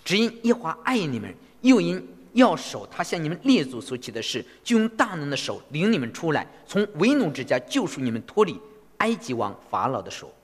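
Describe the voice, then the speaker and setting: A man interpreting a sermon phrase by phrase in an animated way. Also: fairly high pitch, brisk, slightly rough. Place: church hall. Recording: long reverb of a church hall.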